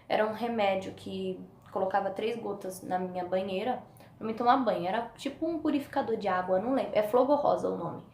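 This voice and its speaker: A woman with a Brazilian Portuguese accent telling a personal story as a vlogger, animated and acting out the voices of the people in it. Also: mid-range voice, brisk, gravelly. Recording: echoey room with faint noise.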